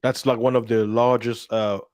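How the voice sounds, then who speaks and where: A man in casual political discussion, telling a story in an animated way and acting out the voices of the people he quotes. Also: medium pitch, moderate pace, no room sound, studio quality.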